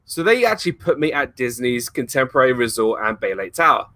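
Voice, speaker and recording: A man's voice: mid-range voice, very animated, brisk, bright, forceful tone, no room sound. A man being interviewed on a casual livestream, talking enthusiastically and rambling with frequent laughs. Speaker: guest, YouTuber and former theme park worker.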